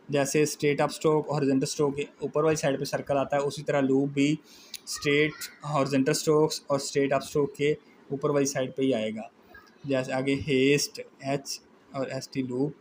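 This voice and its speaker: In this low-quality recording with a bit of hiss or hum, a shorthand teacher with a Pakistani Urdu accent works through the strokes in a classroom lecture. His mid-range voice has a darkish tone, and he spells out each letter individually in a methodical way.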